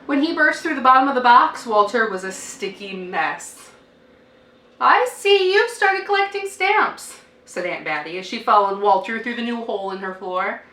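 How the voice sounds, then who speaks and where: Reading a picture book to children like a teacher, this woman speaks at a medium pitch in a dramatic, sing-song style full of deliberate, expressive emphasis. Faint noise is audible, and the distant mic gives the audio a roomy feel.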